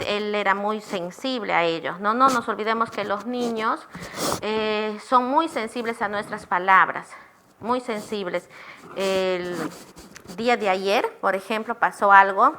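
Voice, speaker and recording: A woman's voice: medium pitch, fairly bright tone, slight background noise. A middle-aged woman teaching a church class on children's ministry, earnestly asking questions and answering them herself. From Peru. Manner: earnest, asks and answers own questions, addresses listeners as brothers.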